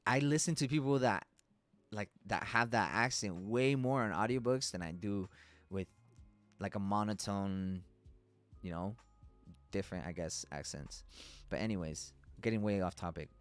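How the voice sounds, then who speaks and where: Male trading-stream host, lowish voice, relaxed profane chat, soft music bed. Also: moderate pace. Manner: loose and chatty, swears casually, laughs often. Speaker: trading educator hosting a live stream. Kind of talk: casual live-stream market analysis.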